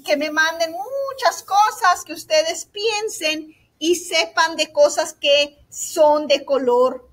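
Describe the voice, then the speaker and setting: Slow, high-voiced woman teacher. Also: fairly bright tone. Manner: slow, sweet and encouraging, asks "¿ok?" often; mixes in English words like "so" and "all right". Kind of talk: remote lesson to young children.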